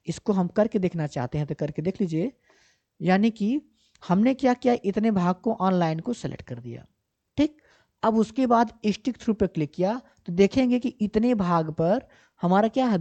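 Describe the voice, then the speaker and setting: With a fairly low pitch, a woman teaching computers guides viewers through software in careful steps, restating points along the way. She asks and answers her own questions and checks in often with "ठीक ना". It's a screen-recorded tutorial captured in slightly dull, lo-fi audio.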